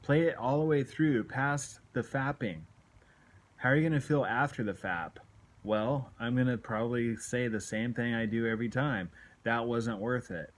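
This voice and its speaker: In a small room at home, a man of about his late forties films himself on a phone at arm's length for his self-help video blog. Moderately paced and mid-range in pitch, he talks candidly and earnestly, exhorting his audience and going back over his points for emphasis.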